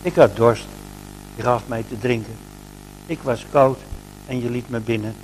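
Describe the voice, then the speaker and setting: A man voicing a calm, solemn heavenly voice in a storybook. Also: medium pitch, unhurried, soft background music, lightly acted, low-quality recording. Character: calm, gentle heavenly male voice.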